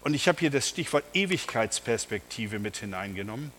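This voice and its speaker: A man's voice: medium pitch, expressive, fairly quick, fairly bright tone, long reverb tail, a little hiss or hum. A man preaching a sermon, emphatic and speaking straight to his congregation with rhetorical questions. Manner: addresses the congregation directly.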